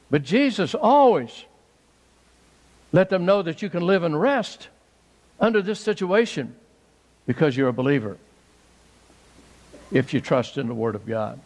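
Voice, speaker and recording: A man in his sixties, a pastor, preaching a sermon with emphatic bursts that jump up to high exclaims. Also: big-room sound, rough recording. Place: church sanctuary.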